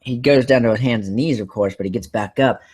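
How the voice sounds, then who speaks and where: A man hosting a casual podcast, rambling excitedly with lots of fillers and restarts. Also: medium pitch, fairly quick, breathy edge. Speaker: podcast host.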